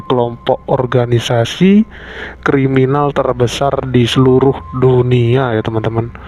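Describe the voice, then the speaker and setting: A man with a bassy voice, hosting a casual video commentary and addressing viewers informally, sometimes crudely. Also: darkish tone. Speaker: YouTube host. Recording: dull lo-fi audio, music behind. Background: prominent background music.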